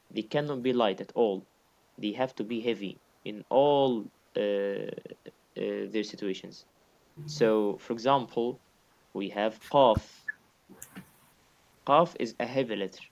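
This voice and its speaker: A man's voice: fairly low pitch, takes it slowly, long pauses, a little mellow, muffled recording. A man teaching recitation in a one-on-one lesson, patiently repeating his points and sounding out examples himself.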